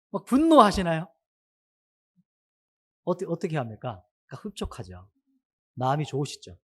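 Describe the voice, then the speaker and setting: Male preacher, sermon, fairly high voice, questions to the congregation. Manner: asks the congregation many questions, animated rise and fall.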